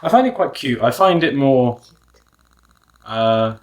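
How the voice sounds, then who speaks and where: A man's voice: medium pitch, animated, slow pace. A man chatting casually as the host of a video. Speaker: host of a couple's video channel. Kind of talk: casual chat.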